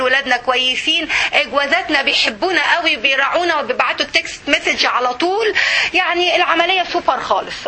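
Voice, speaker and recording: An Egyptian-accented woman gives a religious talk with a high, bright voice. She speaks quickly and with animation, often putting rhetorical questions to her listeners. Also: slight background noise.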